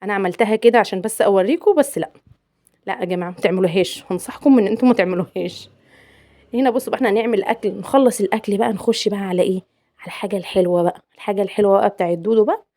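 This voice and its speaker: A woman's voice: medium pitch, racing, dark tone. A young Egyptian woman with an Egyptian accent narrating her cooking vlog, playful and teasing, repeating words for emphasis. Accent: Egyptian Arabic. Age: young adult. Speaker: cooking vlogger. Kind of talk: chatty home cooking vlog voice-over.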